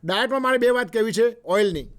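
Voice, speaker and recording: A man with a Gujarati accent delivers a health lecture in a high, light voice. He speaks unhurriedly and repeats his points. He pauses often and fills the gaps with short sounds. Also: expressive, fairly bright tone. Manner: unhurried, repetitive, with frequent pauses and fillers. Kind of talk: health talk mixing Gujarati and English.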